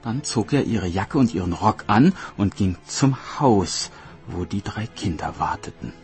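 A man narrating a folk tale in an expressive, dramatic storybook reading. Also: lowish voice, measured pace, over music.

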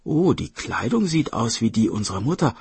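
A man's voice: mid-range voice, very animated, moderate pace, darkish tone, breathy edge, no room sound, exaggerated voice. A man voicing a cautious, clever boy who keeps asking questions. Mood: wary. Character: wary, clever boy, the older brother.

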